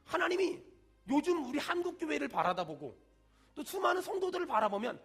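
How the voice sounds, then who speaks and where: Male pastor, sermon, emphatic, rising to shouts, very high voice, animated pitch. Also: fairly quick, faint music behind. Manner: emphatic call-and-response preaching, shouting at peaks. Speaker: senior pastor.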